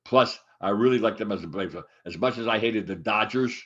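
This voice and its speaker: Older man in his eighties, low-pitched co-host, halting and digressive; dull recording. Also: fairly bright tone. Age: 80s. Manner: rambling, halting, many restarts and fillers. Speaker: podcast co-host. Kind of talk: casual chat. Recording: dull lo-fi sound.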